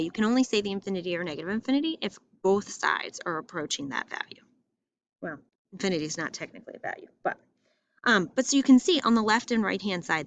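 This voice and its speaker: Lively woman teaching math. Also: on the low side, slight background noise. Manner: lively, emphatic, repeats phrases for stress. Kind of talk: classroom lesson walking through graphs. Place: school classroom or building with loudspeaker.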